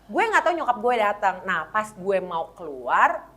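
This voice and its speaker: A woman's voice: medium pitch, sing-song, normal speed, pushed and bright. A woman, co-hosting a casual chat and telling a story animatedly, acting out the quotes. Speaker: co-host.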